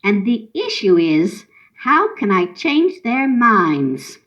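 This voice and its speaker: A woman's voice: medium pitch, very animated, slow pace, a bit bright, poor audio. A woman delivering a comic monologue as a patient telling her doctor about her surprises, chirpy, self-satisfied and oblivious.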